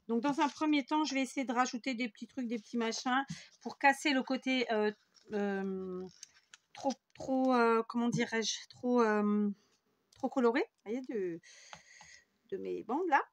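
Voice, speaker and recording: A woman's voice: a little high, measured pace, dry recording. Chatty French woman doing a craft tutorial. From France. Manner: rambling and self-mocking, talks while working. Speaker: scrapbooking video host.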